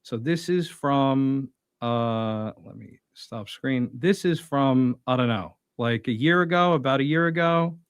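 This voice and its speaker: A man's voice: mid-range voice, unhurried, few pauses, clear, resonant tone, no room sound, clean studio sound. A young man hosting a show, reacting to a clip with sarcastic, mocking commentary. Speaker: host.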